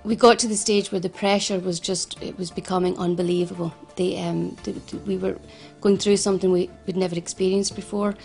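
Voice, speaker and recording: Faint music sits behind a Glasgow woman in her forties, founder of a financial advice service, as she earnestly gives personal interview testimony, often restarting and repeating. Her voice is lowish, creaky and darkish, with little pitch movement, moving fairly quickly with few pauses.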